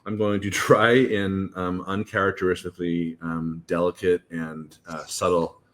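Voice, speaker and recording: A man with a very low voice hosts a podcast about college admissions. He explains things casually and often stops to restart his sentences. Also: level tone, a bit bright. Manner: halting, many restarts and fillers.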